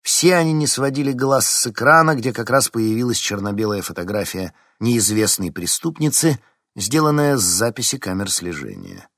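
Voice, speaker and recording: A man narrates a novel in a low voice that rises and falls with feeling. The sound is close and dry, with no room around it. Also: moderate pace, no echo. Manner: expressive, voices each character. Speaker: audiobook narrator. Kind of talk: scripted narration.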